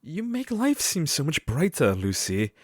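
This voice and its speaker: A man playing a shy, earnest Victorian gentleman doctor, hesitant and formally polite, in an audio drama. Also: fairly high pitch, huge pitch swings, unhurried, dry recording, clean studio sound, heavily acted. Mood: nervous, hopeful.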